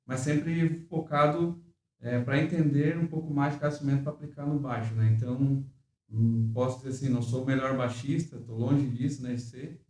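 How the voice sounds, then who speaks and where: An older man, a church bassist chatting casually with many restarts and tag questions, recorded in an echoey room from a distance. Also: steady tone, normal speed, darkish tone. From Rio Grande do Sul, Brazil. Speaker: church bassist and worship leader. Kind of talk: casual chat.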